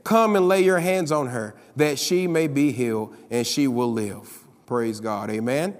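A man preaching a sermon as pastor, calling on the congregation to answer back and building up to loud, emphatic peaks. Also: mid-range voice, unhurried, in a large hall.

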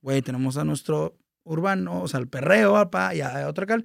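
A man's voice: a little high, brisk, vocal fry, no room sound, studio quality. A young man with a Mexican accent, hosting a casual podcast interview with eager, slang-filled interjections. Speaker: podcast host.

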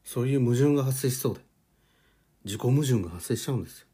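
Husky, easygoing man in his forties. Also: mid-range voice, animated, fast talker, warm tone. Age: 40s. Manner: easygoing, self-deprecating, chuckles at own stories. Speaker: podcast host. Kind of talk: rambling solo podcast chat.

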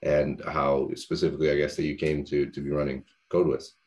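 A man's voice: rumbling low, level tone, a little fast, a little mellow. A man hosting an interview and asking friendly questions in a casual, talkative way. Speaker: podcast host.

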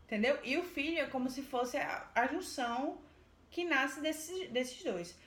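A woman's voice: sits high, expressive, unhurried, fairly bright tone, echoey room. A woman retelling a folk tale in a chatty, repetitive way. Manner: chatty, repetitive, with many fillers. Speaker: storyteller.

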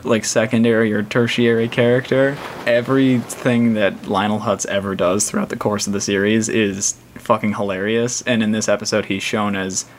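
A man's voice: lowish voice, slight background noise. A man co-hosting a podcast in casual chat, laughing often and using many fillers. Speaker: podcast co-host.

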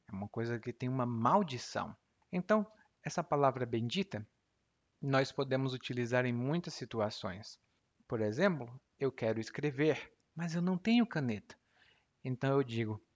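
A man's voice: mid-range voice, animated, moderate pace, dull audio. A man with a Brazilian Portuguese accent hosting a podcast language lesson, patiently explaining words with examples. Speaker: language teacher and podcast host.

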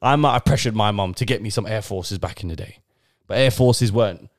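A man's voice: on the low side, fairly quick, no echo, studio quality. A young man with a London accent chatting casually as a podcast host, full of slang and repeating phrases for emphasis. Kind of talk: casual banter.

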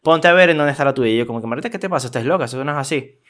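A young man with a Venezuelan accent, casually telling a story on a podcast, slangy and animated, acting out what people said. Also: mid-range voice, very fast. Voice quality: animated, slangy, acts out quoted voices. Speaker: podcast co-host.

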